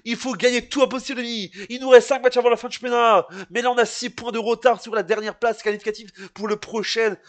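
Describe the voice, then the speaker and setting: Very high-voiced man ranting about football. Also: steady tone, fast, few pauses. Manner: exasperated, ranting, repeats a catchphrase; loud outbursts mixed with weary sighs. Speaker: football fan channel host. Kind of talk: live football match debrief.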